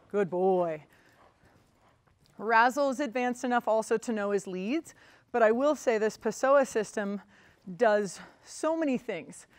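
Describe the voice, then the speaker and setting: A fairly high-voiced woman gives a riding lesson as she lunges a horse in a ring. She speaks calmly and encouragingly, breaking off often to praise the horse. Her voice is close and dry. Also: no echo. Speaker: riding instructor. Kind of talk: demonstration lesson while lunging a horse.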